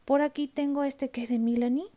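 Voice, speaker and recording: Speaking high-pitched, steady, warm and a little fast, a beauty vlogger walks through her makeup collection at home. She chats, keeps checking in with her audience, and now and then whispers. There's a little hiss or hum.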